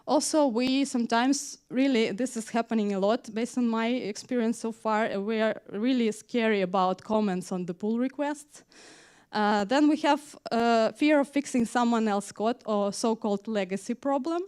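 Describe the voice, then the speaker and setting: A Ukrainian woman, a tech manager, addresses a conference hall, often pausing, inserting frequent "uh"s, and speaking with non-native grammar. Her voice is a little high, a little mellow, and clean, at a moderate pace.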